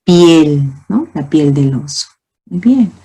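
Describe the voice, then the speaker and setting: Her voice sits low, gravelly and husky with a dark tone, at a measured pace. She is a teacher giving a recorded lecture on early reading to colleagues, leaning on spoken examples and rhetorical questions and often asking "¿no?" to make sure they follow.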